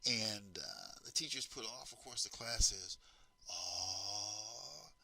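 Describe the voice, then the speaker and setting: St. guy telling a story to teachers, emphatic, tense forceful voice. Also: fairly low pitch, normal speed, vocal fry, poor audio. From west side of St. Louis, USA. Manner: animated storyteller, emphatic, repeats himself. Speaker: school district trainer. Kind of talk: anecdotal training talk.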